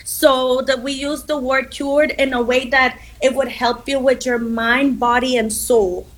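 Higher-voiced woman from Honduras, hesitant. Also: fairly even intonation, measured pace. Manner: hesitant, searching for words, many fillers. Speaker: interview guest. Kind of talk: conversational interview answers.

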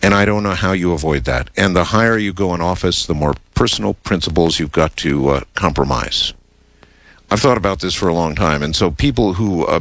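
A man hosting a late-night call-in radio show, with a smooth, relaxed, conversational delivery. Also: deep voice, no room sound.

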